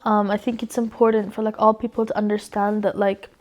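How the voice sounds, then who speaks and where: A woman's voice: mid-range voice, little pitch movement, darkish tone. A teenage girl hosting a casual podcast chat, talking loosely with lots of "like" and "um". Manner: chatty, fills pauses with "like" and "um". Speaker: podcast host.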